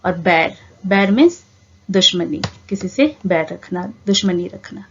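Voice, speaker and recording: A woman teaching a reading lesson to young children, asking the class questions and answering them herself in a patient, drawn-out way. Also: fairly low pitch, expressive, a little hiss or hum. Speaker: primary school teacher. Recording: dull lo-fi home recording.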